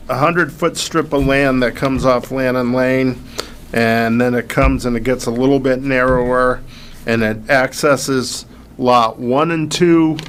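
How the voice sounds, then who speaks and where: A man giving an unscripted, halting explanation as an applicant at a public hearing. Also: mid-range voice. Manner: halting, searching for words. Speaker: applicant presenting a land plan. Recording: faint meeting room noise.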